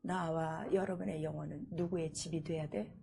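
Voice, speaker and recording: A woman pastor preaching a sermon emphatically, swinging between loud exclamations and hushed asides. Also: sits low, steady tone, moderate pace, creaky, slight background noise.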